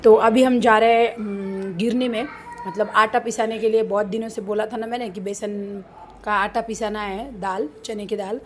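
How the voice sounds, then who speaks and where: A woman in her thirties narrating a family outing in a chatty, storytelling vlog style, pausing often with fillers. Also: mid-range voice, fairly even intonation, a little hiss or hum. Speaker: family vlogger.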